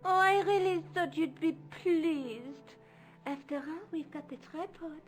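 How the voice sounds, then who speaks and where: A woman's voice: very high-pitched, measured pace, soft background music. An actress playing a clever, teasing young woman adventurer in a video game. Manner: playful, teasing.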